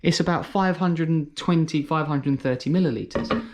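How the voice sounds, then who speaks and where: A man's voice: on the high side, normal speed, noisy background. A man giving a casual product review, chatty and thinking aloud as he explains. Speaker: car care reviewer.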